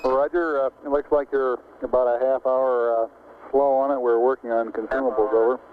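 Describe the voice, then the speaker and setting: A man's voice: medium pitch, steady tone, a little fast. A man at mission control speaking over a crackly space mission radio transmission, giving clipped, matter-of-fact readouts in radio procedure talk. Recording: muffled lo-fi radio link with faint static.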